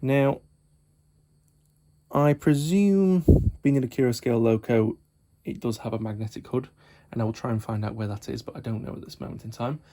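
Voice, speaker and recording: A model railway hobbyist reviewer gives casual unboxing and test-run commentary as he shows off and tests a model locomotive, repeating his praise and filling pauses with ums. His mid-range, warm voice is slightly croaky from hay fever and little sleep.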